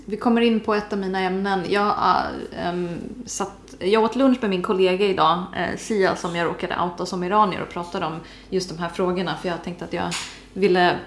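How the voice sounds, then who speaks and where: A woman's voice: on the low side, steady tone, slight background noise. A young woman with an Uppsala Swedish accent, co-hosting a podcast and telling stories casually, with many fillers and acted-out quotes. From Sweden. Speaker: podcast co-host. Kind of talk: casual chat. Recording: roomy echo.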